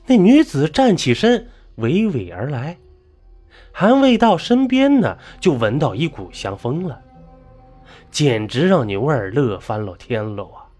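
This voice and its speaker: Animated husky male storyteller. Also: a little high, a little slow, soft background music. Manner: animated, exclamatory. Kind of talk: dramatic storytelling narration.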